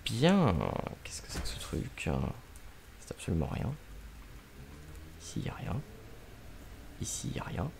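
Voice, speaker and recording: A man's voice: mid-range voice, huge pitch swings, unhurried, creaky, long pauses, noisy background. A man, giving casual commentary on a gaming livestream. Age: 20s. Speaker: game streamer. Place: small room at home. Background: music.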